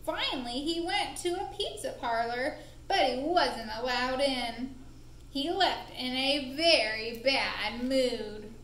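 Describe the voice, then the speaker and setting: A woman narrating a puppet show for young children in an expressive, deliberate, playful way, recorded in an indoor room. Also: high voice. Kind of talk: animated storytelling for young children. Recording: roomy echo with faint background noise.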